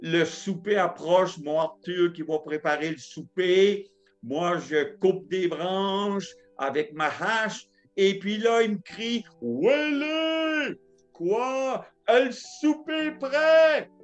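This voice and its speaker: A man's voice: sits high, takes it slowly, soft background music. A man telling a homespun story in a sermon, repeating phrases and acting out the dialogue. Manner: homespun, repetitive, acts out the dialogue. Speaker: preacher telling a testimony.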